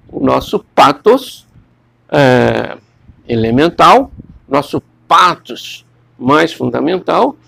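Gravelly man lecturing. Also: high-pitched, fairly bright tone, no echo. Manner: discursive, repeats words, asks students questions. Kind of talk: classroom lecture.

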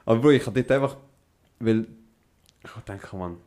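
A young man with a Swiss German accent telling stories in casual podcast chat, slangy and quick to laugh. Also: on the low side. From Switzerland. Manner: lively storyteller, slangy, laughs often. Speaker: podcast co-host.

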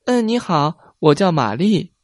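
A man voicing a polite, curious little girl asking gentle questions. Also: fairly high pitch, very animated, unhurried, no echo, studio quality, pitched above the performer's own voice. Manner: polite and inquisitive.

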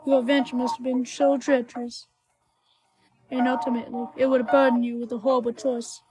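A woman voicing a gentle, motherly female goat monster who speaks formally and kindly, in a fan dub of a game. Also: a little high, little pitch movement, brisk, close to an everyday voice, low-quality recording. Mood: tender. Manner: formal, soft-spoken and kind.

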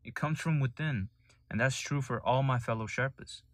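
A man's voice: medium pitch, normal speed, fairly bright tone, no room sound. A young man from Nepal hosting a solo podcast, telling his story in an earnest, sometimes indignant way. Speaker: podcast host.

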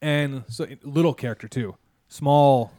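A man's voice: mid-range voice, measured pace, mellow, no echo, clean studio sound. A man in his thirties or forties hosting a casual chat, rambling through stories with lots of fillers, restarts and sarcastic asides. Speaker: podcast host, mascot performer.

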